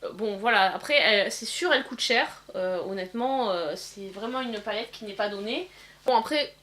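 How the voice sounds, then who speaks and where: A woman demonstrating eyeshadow swatches in a casual vlog, pausing often with fillers. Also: mid-range voice, expressive, fairly bright tone. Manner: hesitant, many filler pauses. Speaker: beauty vlogger. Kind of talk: casual makeup swatch demo.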